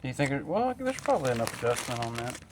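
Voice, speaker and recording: A mechanic and co-host chats casually in a workshop, thinking aloud and asking questions. His medium-pitched voice is very animated and races along. Clicks and noise fill the workshop recording.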